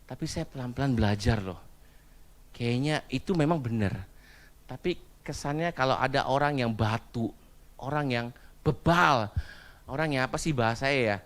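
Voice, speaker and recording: A man in his thirties preaching a casual sermon, telling stories about his small child in a chatty way and slipping in English phrases and slang. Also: medium pitch.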